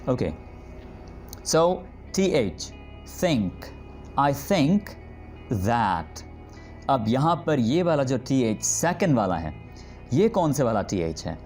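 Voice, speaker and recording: A man teaching English pronunciation. He explains patiently and says each example word slowly and drawn out, often stopping to check in with the learner. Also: mid-range voice, very animated, darkish tone, soft background music. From Pakistan. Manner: drawn-out demonstration words repeated slowly. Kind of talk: spoken language lesson.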